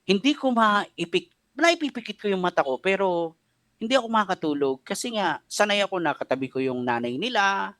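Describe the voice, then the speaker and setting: A man's voice: high-pitched, expressive, normal speed, fairly bright tone, no room sound, clean studio sound. A middle-aged man with a Filipino accent preaching a radio sermon, telling a personal story with feeling and mixing Tagalog and English. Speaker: pastor.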